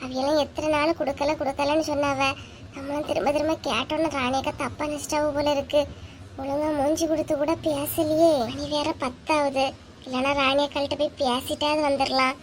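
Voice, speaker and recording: A woman's voice: high voice, level tone, slight background noise, lightly acted. A woman voicing a fretful, touchy village housewife in a cartoon comedy, grumbling and snapping back in a Kanyakumari Tamil accent. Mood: worried. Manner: grumbling, quick to snap back. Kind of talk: comic cartoon dialogue.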